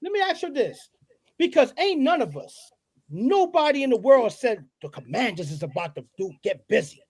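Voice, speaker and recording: A woman co-hosting a casual sports podcast, animated and joking, firing off questions. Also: fairly high pitch, normal speed, slightly rough, dry recording. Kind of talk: casual chat.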